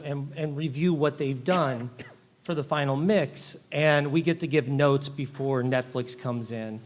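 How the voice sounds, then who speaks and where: A man's voice: mid-range voice, long reverb tail. A man, a film editor, talking casually and enthusiastically on a live panel, often restarting his sentences. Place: live event hall.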